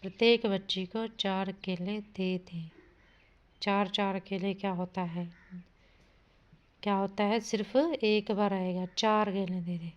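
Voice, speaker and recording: A woman teaches an exam-prep grammar lesson, reading out sentences, asking what a word means, correcting it, and calling her listeners "bhai". Her mid-range voice is fairly even and slow, captured in dull lo-fi audio.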